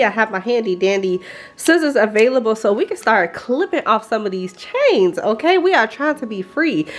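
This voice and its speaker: A young adult woman chatting to camera in a casual vlog update, upbeat and encouraging, with a stuffy nose. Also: mid-range voice. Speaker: vlogger.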